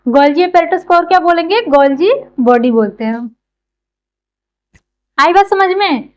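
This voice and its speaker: Woman with a very high voice who teaches by everyday comparisons and quick questions she answers herself. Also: poor audio. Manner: keeps asking and answering her own questions. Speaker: biology teacher. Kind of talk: explanatory classroom lecture.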